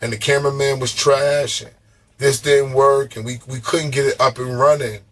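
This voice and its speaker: With a mid-range voice at normal speed, a man guesting on a podcast relays stories in a casual interview. He's loose and animated, heavy on profanity and street slang, and he often trips up and repeats himself.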